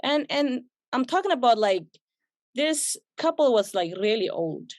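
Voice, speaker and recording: A young woman from Somalia telling a painful personal story as a podcast guest, emotional and animated, acting out what people said. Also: fairly high pitch, measured pace, dry recording. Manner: emotional, animated retelling with quoted voices.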